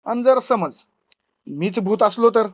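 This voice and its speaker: A man's voice: sits high, animated, slow, no room sound, heavily acted. A man voicing a kindly, teasing old male grandfather ghost in rustic village speech. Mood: gentle teasing.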